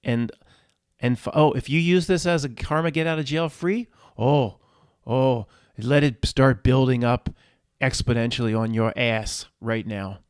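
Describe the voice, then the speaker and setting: A man hosting his own channel, delivering a fervent spiritual rant that swears at unseen rulers, with halting restarts and repeated words. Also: medium pitch, clear, resonant tone, no echo, clean studio sound. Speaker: channel host. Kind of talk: ranting spiritual monologue.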